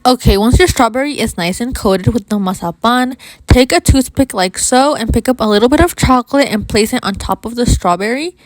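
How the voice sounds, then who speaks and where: A woman's voice: on the high side, brisk, dry recording, rough recording. A woman narrating a how-to baking tutorial in an informal way, with a slight lisp and whistling s. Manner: addresses viewers informally as you guys. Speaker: baking video host.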